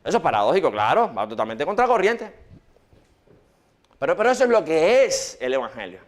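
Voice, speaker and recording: Animated preacher man, higher voice. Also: a little fast. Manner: animated preaching, swings from loud questions to hushed quoting. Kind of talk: sermon. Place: church.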